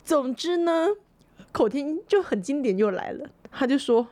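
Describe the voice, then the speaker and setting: Animated storyteller woman, Taiwanese Mandarin. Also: high voice, unhurried, no echo. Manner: animated storyteller who acts out quotes. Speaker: podcast co-host. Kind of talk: casual chat, storytelling.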